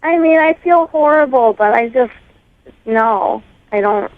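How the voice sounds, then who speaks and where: A woman's voice: fairly high pitch, animated, unhurried. A woman on the phone to a radio show, hesitant and full of fillers. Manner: hesitant, filler-heavy, apologetic. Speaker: caller. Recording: tinny phone line.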